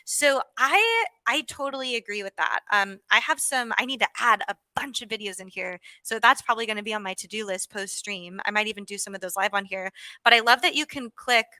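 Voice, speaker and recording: A woman's voice: fairly high pitch, brisk, pushed and bright, no echo. A woman hosting a casual livestream, bubbly and exclamatory, chatting with a guest and reading the chat. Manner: bubbly and exclamatory, frequent "ooh" and laughs. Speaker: livestream host.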